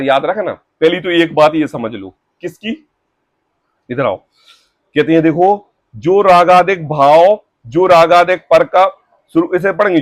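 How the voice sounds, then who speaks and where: A man teaching scripture in a religious discourse, reading passages slowly and explaining them with rhetorical questions and everyday examples. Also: on the high side, dry recording. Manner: reads text slowly, then paraphrases.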